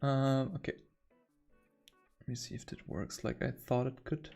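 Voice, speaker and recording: A chatty man in a relaxed livestream, talking loosely while he works on a drawing. His pitch sits in an ordinary middle range, and he rambles and is quick to find things funny. Soft music plays faintly behind him. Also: creaky. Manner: chatty, rambling, easily amused. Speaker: artist streaming while drawing. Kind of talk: casual livestream chat. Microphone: headset.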